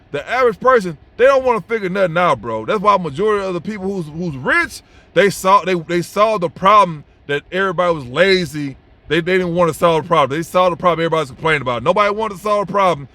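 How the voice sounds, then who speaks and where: A young vlogger gives advice in a blunt, repetitive, slangy unscripted monologue to camera, saying "bro" a lot. His high voice sounds pushed and bright, and the recording is dry.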